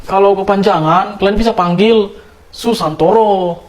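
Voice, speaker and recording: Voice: medium pitch, moderate pace, a little mellow. A performer acting out short comedy skits.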